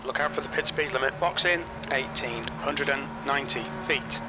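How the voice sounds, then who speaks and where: A man's voice: medium pitch, normal speed, very noisy. A man as race engineer giving terse pit radio calls in clipped, matter-of-fact callouts. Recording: loud race car engine behind.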